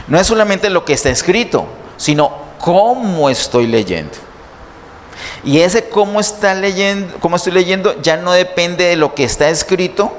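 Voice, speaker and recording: Questioning man preaching in a hall. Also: on the high side. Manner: teaching, asks many questions. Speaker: pastor. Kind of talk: sermon. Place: church hall. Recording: church hall reverb, faint noise.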